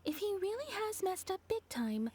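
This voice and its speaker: A woman voicing a kindly townswoman in a video game, telling a story in a measured, gently amused way. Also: very high-pitched, sing-song. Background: soft game music.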